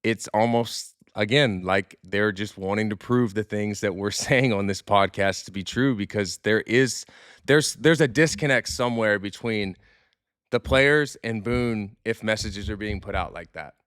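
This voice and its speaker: A man with a lowish, smooth, resonant voice talks through a podcast in a loose, candid way. He swears casually and doubles back on his words as he thinks. The sound is dry and close to the mic. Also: unhurried, fairly bright tone, no echo. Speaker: podcast host, former pro baseball player.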